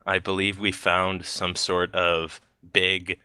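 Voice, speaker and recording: A man playing a tabletop game, speaking haltingly with repeated words and fillers. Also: low voice, monotone, pushed and bright, clean tone, dry recording. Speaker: player. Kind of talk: casual tabletop play.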